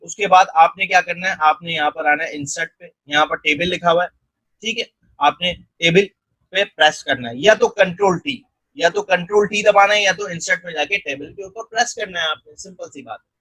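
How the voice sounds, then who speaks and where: A man narrating a screen-recorded software tutorial step by step. He keeps checking in with the viewer and mixes English technical terms into his speech. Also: high-pitched, fairly quick, no echo, poor audio. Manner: step-by-step, repeating "theek hai" and "ye dekhen" to guide the viewer.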